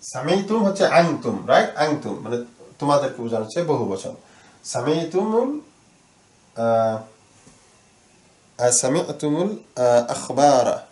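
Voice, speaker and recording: Guy teaching arabic grammar real slow, lots of "ah"s and repeats, roomy echo. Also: mid-range voice, very animated, darkish tone. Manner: slow, halting explanation with many "ah" fillers, repeating words. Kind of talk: slow grammar lesson explained in Bengali.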